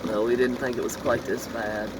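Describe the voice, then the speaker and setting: A man's voice: mid-range voice, little pitch movement, normal speed. A man with an Appalachian accent, casually chatting and pointing out local sights from inside a moving vehicle. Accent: Appalachian, southwest Virginia. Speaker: local vlogger. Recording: distant mic, loud vehicle noise.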